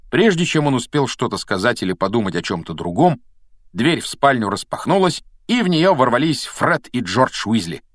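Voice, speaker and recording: A man reading an audiobook aloud, with measured, expressive storytelling narration. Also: fairly low pitch, no room sound, clean studio sound. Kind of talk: scripted narration.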